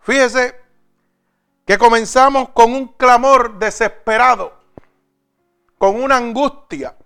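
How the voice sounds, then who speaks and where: A man preaching a sermon, first reading scripture slowly and then addressing his listeners directly. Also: extremely high pitch, vocal fry, a bit bright, clean tone, faint music behind.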